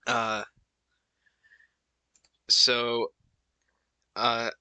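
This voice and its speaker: Halting Midwestern man, bright dry voice. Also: medium pitch, little pitch movement, smooth, no echo. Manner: halting, many restarts and fillers. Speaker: podcast host. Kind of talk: casual stream chat.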